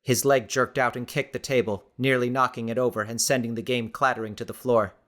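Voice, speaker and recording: Man narrating a tense audiobook. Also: mid-range voice. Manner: steady, measured storytelling. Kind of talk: scripted narration.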